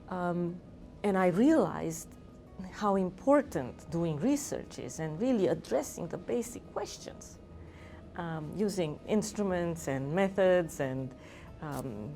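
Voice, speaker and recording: A middle-aged Romanian woman who works as a physician and researcher speaks earnestly in an interview, her low voice warm in tone. Her speech includes fillers and restarts.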